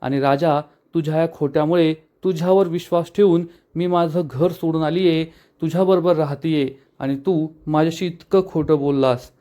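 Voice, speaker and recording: A woman's voice: low-pitched, fairly even intonation, normal speed, dark tone, natural voice. A man reading a hurt young woman. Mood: reproachful.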